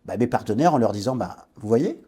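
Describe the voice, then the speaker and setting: A man's voice: medium pitch, animated, fairly quick, warm tone, breathy edge. A man in his forties from French Guiana, a guest entrepreneur recounting his career in an interview, hesitating and restarting often. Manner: reflective storytelling, frequent hesitations and restarts. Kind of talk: podcast interview.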